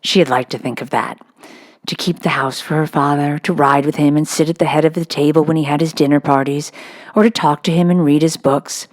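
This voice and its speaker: A woman with a low voice reads a children's book aloud for young listeners, in scripted storytelling. Her tone is steady and her pace fairly quick.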